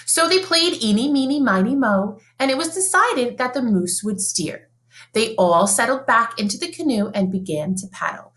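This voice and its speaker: A teacher reads a picture book aloud to young children at story time, her pitch swooping up and down as she tells the tale. Her delivery is sing-song and expressive, at a normal speed.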